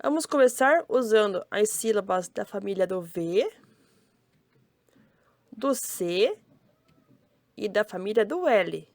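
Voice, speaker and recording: Slow, cheerful Brazilian woman teaching kids. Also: mid-range voice, lively intonation, a little mellow, dry recording. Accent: Brazilian Portuguese. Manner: cheerful, sing-song, addressing kids directly. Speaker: children's teacher. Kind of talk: slow, syllable-by-syllable children's lesson.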